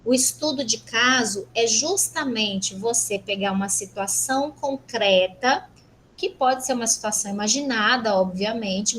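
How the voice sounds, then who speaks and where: A Brazilian woman lecturer teaching an online class, brisk and teasing, asking rhetorical questions. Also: fairly high pitch, fairly bright tone, a little hiss or hum, rough recording. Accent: Brazilian Portuguese. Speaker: university lecturer.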